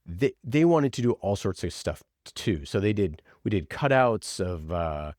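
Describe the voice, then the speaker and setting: This man's voice sits on the low side, with big swings in pitch, a slightly slow pace, and a darkish tone. Interviewed as a podcast producer, he tells stories casually and enthusiastically, sprinkling in plenty of "like." The recording is dry and studio quality.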